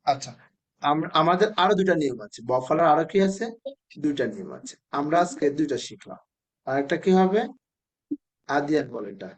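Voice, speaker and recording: A man, teaching spelling to a children's class, patiently repeating words slowly and quizzing the pupils. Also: a little high, expressive.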